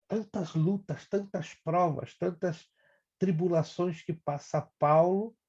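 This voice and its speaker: A man's voice: fairly high pitch, creaky, a little mellow, slightly rough, lo-fi sound. A man with a Brazilian Portuguese accent, a pastor teaching an online Bible class in a chatty, teasing way and explaining step by step over a video call.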